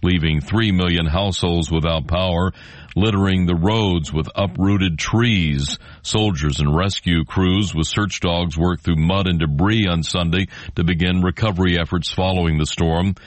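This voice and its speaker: A man's voice: deep voice, steady tone, moderate pace, no echo. A man with an American accent reading scripted world news as a radio anchor.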